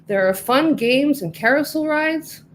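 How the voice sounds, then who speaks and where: A woman voicing a big, proud male show pig in a storybook reading, talking pompously and slowly. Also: sits high, expressive, slight background noise, pitched above the performer's own voice. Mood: boastful. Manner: pompous, slow and drawn-out.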